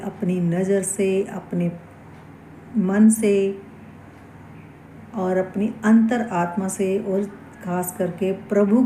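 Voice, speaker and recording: A woman giving a slow, earnest devotional talk as a vlogger, reflecting aloud on forgiveness and faith. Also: mid-range voice, mellow, reverberant, a little hiss or hum, rough recording. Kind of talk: casual spiritual talk.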